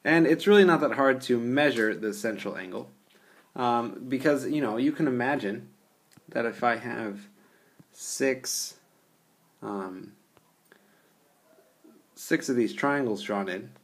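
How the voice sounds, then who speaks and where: Over a screencast, a math teacher walks through a geometry lesson, patient and casual, often checking in with the listener. He speaks at medium pitch, slowly, with long pauses.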